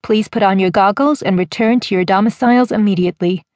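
A woman voicing an automated alert system that issues clipped, flat emergency announcements in an audiobook. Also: mid-range voice, fast talker, no echo, studio quality, natural voice. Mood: urgent announcement.

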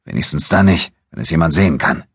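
A man voicing a weary, wary adult swordsman who speaks in a tense, urgent and slightly halting way. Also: rumbling low, slightly rough, no echo, clean studio sound, exaggerated voice. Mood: urgent scolding.

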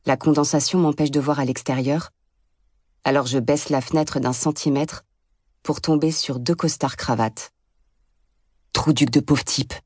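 A woman's voice: low voice, fairly even intonation, moderate pace, a little mellow, dry recording, clean studio sound. A woman reading an audiobook as a blunt, sardonic first-person narrator.

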